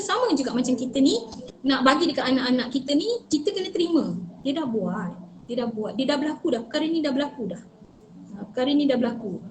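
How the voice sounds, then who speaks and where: A woman's voice: high voice, darkish tone, roomy sound, a little hiss or hum. A woman from Malaysia giving an earnest, advisory online talk to parents over a video call, mixing English phrases into her speech. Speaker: speaker on child protection.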